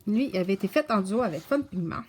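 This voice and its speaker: A woman casually showing her coloring books, soft-spoken and stumbling over English titles. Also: mid-range voice, animated, fast talker, husky. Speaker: coloring book vlogger. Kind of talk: casual show-and-tell chat.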